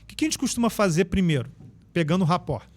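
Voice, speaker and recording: A Brazilian man explaining ideas in an animated, instructive way as a guest on a casual podcast. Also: high-pitched, quick pace. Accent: Brazilian Portuguese. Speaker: podcast guest, NLP trainer.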